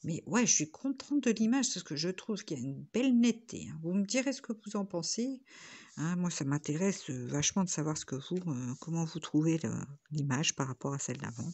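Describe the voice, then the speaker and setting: A woman's voice: deep voice, expressive, brisk, darkish tone, husky. A woman talking casually in a home vlog while crafting, rambling from one topic to the next, recorded on a phone on a tripod. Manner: rambling, chatty, jumping between topics. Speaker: vlogger.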